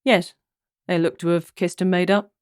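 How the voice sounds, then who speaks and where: A woman's voice: fairly low pitch, little pitch movement, normal speed, a little mellow, no room sound, clean studio sound, natural voice. A woman voicing an easygoing, flirtatious male police detective in a cozy mystery audiobook. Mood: casual, probing.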